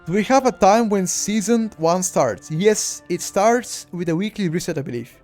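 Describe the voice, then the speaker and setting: A Bulgarian-accented man with a high, expressive, slightly mellow voice walks through a game on a live stream at a moderate pace. He's chatty, speaks straight to his chat, and often repeats himself, with soft music playing behind him.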